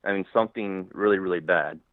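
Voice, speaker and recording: Male caller, slight lisp, halting and repeating words, low voice, phone-line sound. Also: dry recording. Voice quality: slight lisp from a broken front tooth. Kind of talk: telling a paranormal story on a call-in show.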